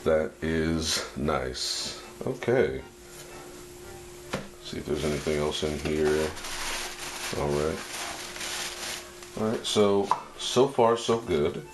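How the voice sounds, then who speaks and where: A man giving casual unboxing commentary as a fragrance reviewer, laid-back and approving, thinking aloud in short, halting phrases. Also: rumbling low, lively intonation, over music, low-quality recording.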